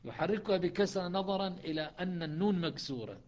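A man teaching a lesson on Quranic readings, explaining step by step and slowing into chanted recitation. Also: high-pitched, lively intonation, darkish tone, lo-fi sound.

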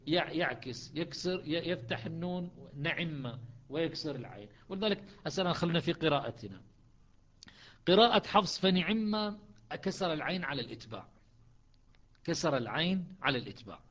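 A man teaching a lesson on Quranic readings, explaining step by step and slowing into chanted recitation. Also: fairly high pitch, expressive, fairly bright tone, muffled recording.

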